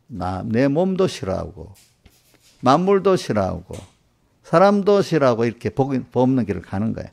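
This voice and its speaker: A man's voice: medium pitch, darkish tone. A middle-aged male pastor giving a conversational sermon in a church, often checking in with the congregation with short tag questions. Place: church sanctuary.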